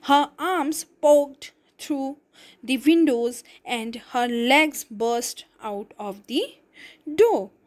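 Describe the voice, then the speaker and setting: Woman teacher, story reading, high voice, slow careful pace, explains words. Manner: clear, explaining word meanings. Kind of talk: reading a story aloud for a class.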